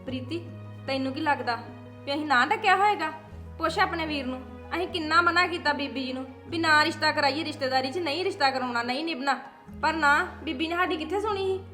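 An actress playing a defensive sister-in-law in a family drama. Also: female voice, high voice, quick pace, sharp tone, soft background music.

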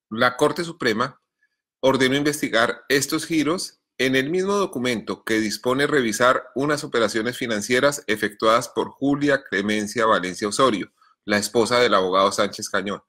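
A man, reading his news column in a measured, deliberate way, then answering viewer questions between coughing fits. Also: mid-range voice, bright, forceful tone. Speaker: journalist columnist.

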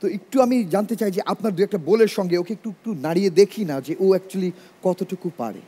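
High-pitched excitable male show host. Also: brisk, slightly rough. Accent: Bangladeshi Bengali. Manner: loud, excitable, joking. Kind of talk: lively stage hosting. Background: music and studio audience.

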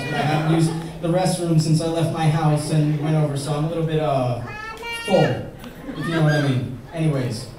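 At a wedding in a large indoor banquet hall, a young man with a fairly high voice gives a best man's toast, reading from a page into a handheld mic. He jokes at his own expense and pauses for laughs, while a distant camera picks up the echoey hall, background noise, and the crowd laughing.

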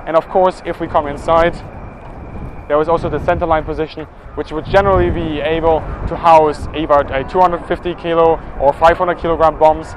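30s male presenter, a bit high-voiced, brisk explainer, outdoors with loud air show noise behind. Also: flat delivery, poor audio. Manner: informative, brisk, pointing out details. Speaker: military history presenter. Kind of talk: walkaround tour explanation.

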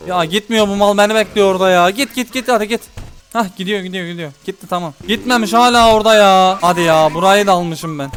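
A man's voice: high-pitched, fast, fairly bright tone, soft background music. A man giving gameplay commentary to his viewers, frustrated, talking to himself and swearing often as he plays. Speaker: mobile game YouTuber.

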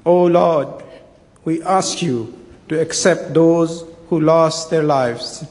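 Slow, solemn middle-aged man in a hall. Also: on the high side, a little mellow. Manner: measured, solemn delivery. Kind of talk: formal translation and prayer. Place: large parliament chamber. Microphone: stand microphone. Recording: long reverb of a large hall.

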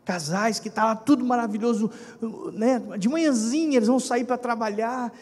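A man with a Brazilian accent preaching a lively sermon, speaking to his congregation and acting out voices. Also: very high voice, normal speed. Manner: animated, talks to congregation, acts out dialogue. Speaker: pastor. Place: church hall. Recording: long church reverb.

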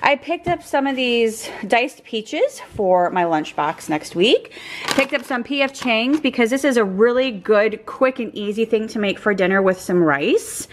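Chatty thirties woman doing a haul vlog at home, kinda high voice, lots of ums, camera mic in the kitchen. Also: animated, unhurried, a little hiss or hum. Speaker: vlogger.

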